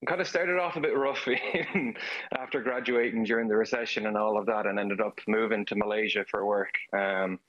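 A man's voice: lowish voice, fairly even intonation, moderate pace, fairly bright tone, lo-fi sound. A man in his thirties from Galway with a west of Ireland accent, talking casually as an interview guest. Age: 30s. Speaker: interview guest, YouTube creator.

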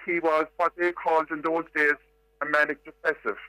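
Older irish lady caller, voice run through a disguise filter, sharp bright tone, dry, slow thoughtful telling. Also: little pitch movement, no echo. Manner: measured, reflective storytelling with hesitations. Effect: disguised, pitch-altered voice distortion. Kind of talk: phone-in radio call.

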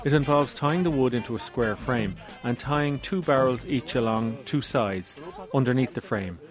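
A man's voice: medium pitch, moderate pace. Man narrating over music. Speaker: documentary narrator. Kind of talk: scripted narration.

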